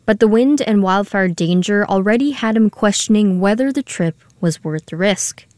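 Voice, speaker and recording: A woman radio reporter reading a scripted news story in a clear, even way. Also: medium pitch, moderate pace, no echo, clean studio sound.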